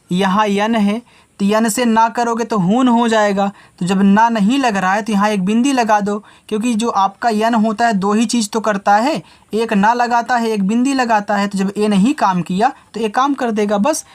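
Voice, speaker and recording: A male teacher giving a spoken lesson to children, slowly spelling out letters one by one and then patiently explaining each sound, often calling his listeners children. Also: high voice. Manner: addresses the viewers as children.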